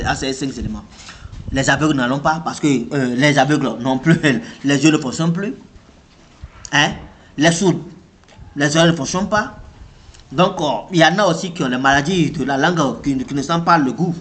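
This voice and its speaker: A man with an African French accent giving an animated motivational talk, repeating himself and firing rhetorical questions at the listener. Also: mid-range voice, a little hiss or hum. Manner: animated, repetitive, rhetorical questions, acts out reactions. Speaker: motivational speaker.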